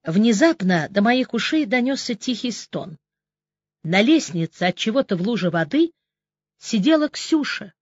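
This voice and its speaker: A woman narrating an audiobook in a lively, expressive way. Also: on the high side, measured pace, breathy edge, no echo, muffled recording. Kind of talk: scripted narration.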